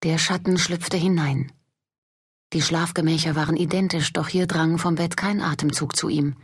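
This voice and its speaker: A woman reading a fantasy novel aloud as an audiobook, in measured storytelling narration. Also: low voice, fairly even intonation, breathy edge. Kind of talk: scripted narration.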